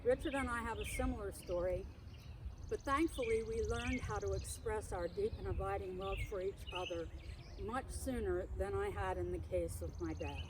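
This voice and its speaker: A woman giving a solemn, reflective graveside eulogy outdoors in measured phrases. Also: medium pitch. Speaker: bereaved sibling giving a eulogy. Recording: noisy outdoor recording with birds.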